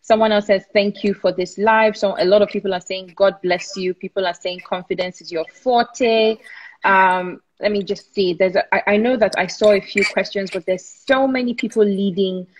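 A Nigerian woman hosts a live interview over a phone, her voice in a middle range. She reads viewer comments in a relaxed, conversational way, filling pauses with ums. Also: medium pitch, dull audio. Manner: conversational, many ums while reading. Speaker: host. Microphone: phone on a live video stream.

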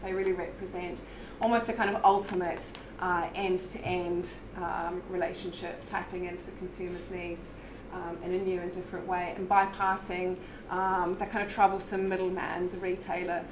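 Woman, event host, halting with fillers, monotone, echoey room. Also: lowish voice. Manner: hesitant, many fillers. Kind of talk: live event introduction. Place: brick-walled meeting room with audience. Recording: echoey room with background noise.

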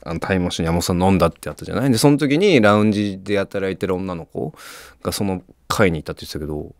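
A man's voice: low-pitched, racing, no echo, clean studio sound. A young man co-hosting a comedy podcast, chatting casually with teasing jokes and reading out listener mail. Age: young adult.

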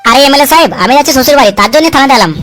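A woman voices a wily, foul-mouthed male sidekick in a comic cartoon dub, squeaky-high with a fairly bright tone over soft background music. The cheeky schemer chatters, argues, talks coarsely and is quick with excuses, in an evasive mood.

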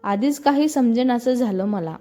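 A woman's voice: on the high side, moderate pace, dark tone, faint music behind, lightly acted. A woman voicing an eager young college man in love, in a storybook reading. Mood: earnest.

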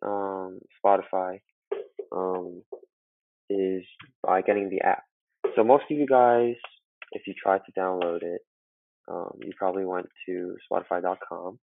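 Using his laptop's built-in microphone, a student narrates a casual computer how-to video in a loose, filler-heavy way, sounding muffled as if through a wall. His voice is low and creaky, his pace measured with long pauses, and there is no room sound.

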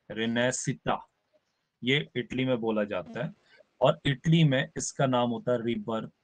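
Male teacher, live online lecture, patient step-by-step explainer who keeps checking in with students. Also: medium pitch. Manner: spells out words slowly for emphasis.

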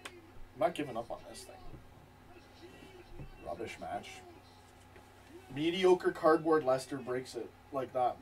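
A man's voice: mid-range voice, expressive, measured pace, pauses often, faint music behind. A young man giving casual watch-along commentary as a football fan. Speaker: football fan reacting to a match. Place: small wood-panelled fan room, away from the camera. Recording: room mic at a distance.

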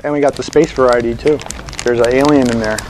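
A man's voice: medium pitch, fairly even intonation, fast talker, a little mellow, poor audio. A man co-hosting a casual candy chat, answering in brief, easygoing remarks. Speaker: co-host.

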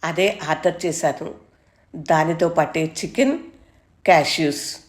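Calm woman reading a story, lowish voice. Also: unhurried. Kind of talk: first-person story reading.

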